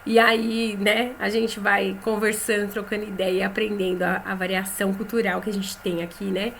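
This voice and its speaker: A woman with a Brazilian Portuguese accent teaching a lesson for teachers, talking in a chatty way, often adding "né?", and saying example words slowly and clearly. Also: medium pitch, little pitch movement, a bit bright, slight background noise. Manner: conversational, tags phrases with "né?".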